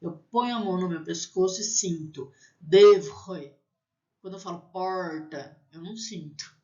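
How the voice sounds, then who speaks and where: A woman from Brazil teaching technical French to pastry students, spelling out sounds slowly and often checking in with "né?". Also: lowish voice, darkish tone. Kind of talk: language lesson for pastry students. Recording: slightly dull lo-fi recording.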